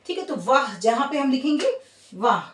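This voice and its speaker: A woman's voice: sits high, big pitch swings, normal speed, a little hiss or hum. A woman teaching a grammar lesson who explains patiently, repeats key words and answers her own questions, mixing English words into her talk. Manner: mixes English words into Hindi. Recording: echoey room, voice a bit far from mic.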